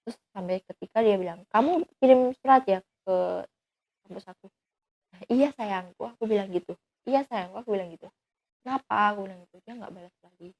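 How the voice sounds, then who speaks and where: A woman's voice: mid-range voice, darkish tone, low-quality recording. A young woman, telling her own story as a guest in an earnest, pleading way that often trails off into fillers. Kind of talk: emotional personal account.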